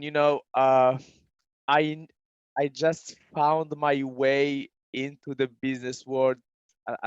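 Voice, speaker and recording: A man's voice: a little high, clean tone, dry recording, muffled recording. Hesitant Moroccan-born man in his thirties. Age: 30s. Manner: hesitant, many fillers and restarts. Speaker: guest entrepreneur. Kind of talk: casual interview answers.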